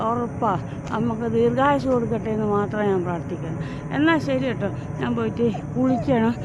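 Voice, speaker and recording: A woman's voice: on the high side, very noisy. A woman in her fifties with a Mahe Malayalam accent, chatting loosely to her phone on an early-morning walk outdoors, full of restarts and fillers. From Mahe, Puducherry. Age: 50s. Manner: rambling, frequent restarts and fillers. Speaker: vlogger and home tutor. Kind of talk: casual chatty vlog.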